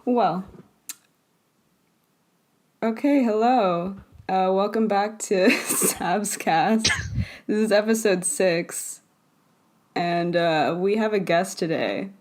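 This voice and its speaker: A woman's voice: medium pitch, slow, pauses often, a little mellow. A woman hosting a casual podcast chat, talking hesitantly with lots of fillers and easy laughs. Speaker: podcast host.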